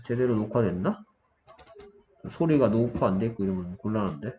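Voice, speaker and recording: A man teaching an English vocabulary lesson to a student in a small room, explaining step by step and quizzing with quick questions. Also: fairly low pitch, lively intonation, mellow. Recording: dull lo-fi room recording, faint noise.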